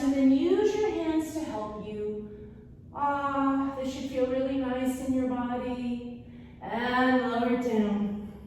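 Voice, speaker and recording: A woman's voice: sits high, darkish tone. A woman teaching Pilates as an instructor, cueing and counting movements in short commands. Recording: echoey hall, distant mic, faint noise.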